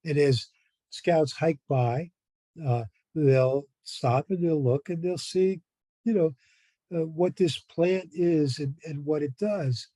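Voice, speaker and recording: A man giving an informal educational talk as a museum presenter, explaining things in a halting way. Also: on the high side, dark tone, dry recording.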